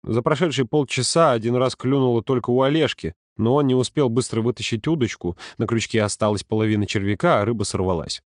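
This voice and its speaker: A man narrating a story in a calm, steady audiobook reading. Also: mid-range voice, fast talker, few pauses, no room sound, clean studio sound. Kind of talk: scripted narration.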